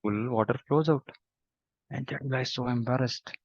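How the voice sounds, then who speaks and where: A man telling a devotional story in an animated way, acting out the characters' lines. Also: normal speed, no room sound. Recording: dull, dry low-fidelity recording.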